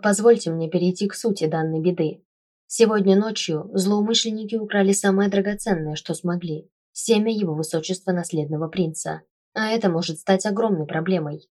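Brief: woman audiobook narrator, lowish voice, wry and expressive. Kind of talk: first-person audiobook narration.

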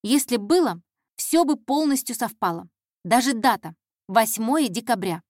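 Brief: anxious young cub reporter girl, stammering and rambling, pitched up, read by a woman narrator. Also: expressive, normal speed, darkish tone, no room sound, studio quality, close to an everyday voice. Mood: flustered. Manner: hesitant, stumbling, fumbling for words. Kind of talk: audiobook character voice.

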